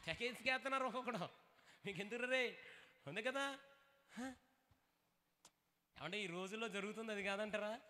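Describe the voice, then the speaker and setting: High-voiced preacher in a reverberant hall. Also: male voice, moderate pace, long pauses. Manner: animated, acts out dialogues in put-on voices, calls for responses. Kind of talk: revival sermon with comic asides.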